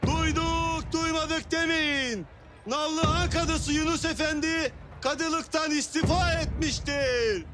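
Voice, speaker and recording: Village town crier, period drama: piercingly high, stretched-out shouted announcements. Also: male voice, steady tone. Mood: proclaiming loudly. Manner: shouted, long drawn-out crying of announcements. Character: loud male town crier of a medieval Anatolian village. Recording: music behind the voice.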